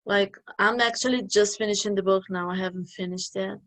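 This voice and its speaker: A woman sharing thoughts casually in a spiritual study group, reflective and unhurried. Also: medium pitch, fairly even intonation, fairly bright tone, rough recording.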